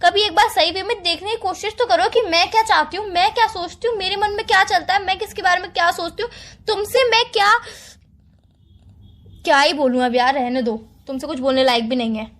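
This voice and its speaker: A woman's voice: very high-pitched, steady tone, fast, few pauses, fairly bright tone. A woman playing a hurt, defensive young girlfriend. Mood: exasperated. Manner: defensive, pleading, emotional. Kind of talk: amateur romantic audio drama.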